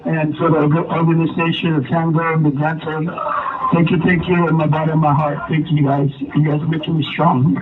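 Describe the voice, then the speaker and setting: A man calling in over a phone on speaker, giving halting, heartfelt thanks at an outdoor protest. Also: on the high side, level tone, recorded from a distance. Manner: halting, repeats himself, simple heartfelt thanks. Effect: voice heard through a phone on speaker. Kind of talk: short thank-you remarks. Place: outdoor protest crowd, phone held up to a mic. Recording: muffled phone speaker picked up from afar with loud outdoor noise.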